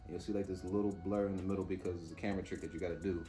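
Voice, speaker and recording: A man's voice: deep voice, level tone, racing, dark tone, faint music behind. A man giving a casual, off-the-cuff TV review, informal and opinionated as he mulls things over aloud. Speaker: host reviewing TV episodes.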